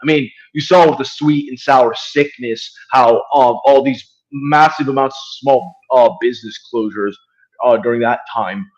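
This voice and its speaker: A man's voice: medium pitch, moderate pace, highs cut off. A man from Venezuela, a podcast guest talking politics in a rambling way with many fillers and restarts. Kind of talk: casual political discussion.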